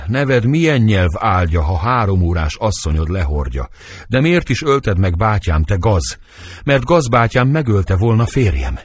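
A man's voice: lowish voice, breathy edge, no echo, clean studio sound. A man reading the part of young Juliet, anguished and passionate, in dramatic verse.

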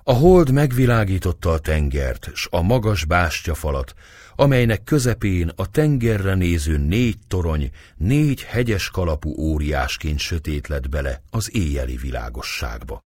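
A man narrating an adventure novel as an audiobook, with expressive storytelling delivery. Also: low-pitched, no room sound, clean studio sound. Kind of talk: dramatic novel reading.

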